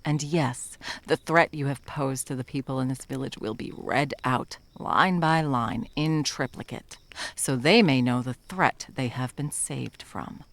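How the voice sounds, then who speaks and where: In an ASMR roleplay, a woman with a bass voice plays a stern monster hunter who is condescending yet tender. She speaks a little slowly and commandingly, uses pet names, and often drops into breathy whispers, with no echo.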